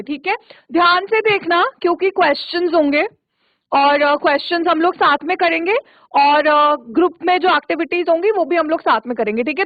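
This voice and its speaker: High-voiced woman teacher on a tinny line. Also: dry recording. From Uttarakhand, India. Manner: patient, checks often with "okay?". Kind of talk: online spoken English class for children. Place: studio for a virtual classroom. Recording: tinny, dry, phone-like line.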